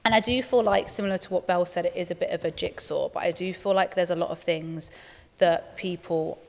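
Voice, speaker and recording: A woman with a British accent and a slightly low voice gives practical, direct advice. She explains casually, posing questions and answering them, in a reverberant hall. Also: fairly even intonation, brisk, creaky. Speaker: panel guest, dance industry mentor.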